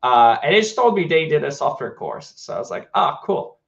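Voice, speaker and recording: A man from Hungary with a Hungarian accent, a game studio co-founder chatting casually in an interview, relaxed and full of fillers and restarts. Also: on the high side, brisk, gravelly, lo-fi sound.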